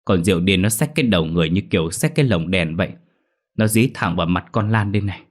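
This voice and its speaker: A man voicing an older village neighbor woman who exclaims and gossips loudly. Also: deep voice, fast. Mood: loud gossipy. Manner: loud, exclaiming, chattering.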